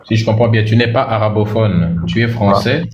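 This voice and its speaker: A man with a lowish voice hosts a livestream, speaking briskly in a monologue and debate. The sound is roomy with the highs cut off and background noise present, and he talks bluntly and combatively, hesitating often and repeating words.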